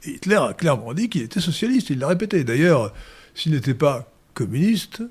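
A man's voice: fairly high pitch, very animated, fairly quick, husky. A man giving long political explanations in a discussion, lecturing with frequent hesitations and emphatic stresses. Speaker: guest commentator.

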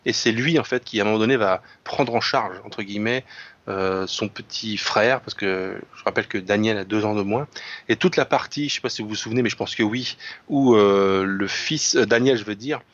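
A man's voice: lowish voice, normal speed, fairly bright tone, muffled recording. A man talking casually about a novel, hesitant, with frequent restarts and fillers. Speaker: radio show guest discussing literature.

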